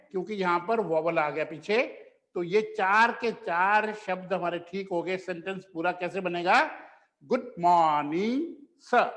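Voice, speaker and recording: Guy teaching a class, high voice, drags out example phrases, echoey room with a long reverb. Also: fairly bright tone. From India. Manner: slowly spells out example phrases, mixing Hindi and English. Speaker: English teacher. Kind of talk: classroom lesson.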